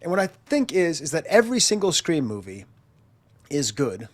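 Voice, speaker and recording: A channel host in his 40s, his voice nasal and congested from a chest cold, chats through a self-mocking story in a casual monologue, acting out quotes. His voice is a little high and sing-song, at a normal speed.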